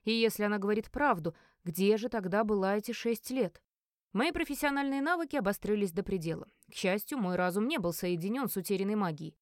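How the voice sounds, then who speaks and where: A woman reading a first-person fantasy audiobook in an expressive narrating voice. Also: medium pitch, a little fast, no echo, studio quality. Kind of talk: scripted narration.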